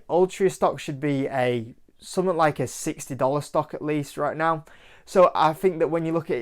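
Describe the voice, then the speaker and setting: A man's voice: fairly high pitch, smooth. A man with a Yorkshire accent hosting his own investing channel, talking casually and loosely through stock picks. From Yorkshire, England. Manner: loose, chatty, leans on "like" and "kind of". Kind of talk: casual stock-picking talk to camera.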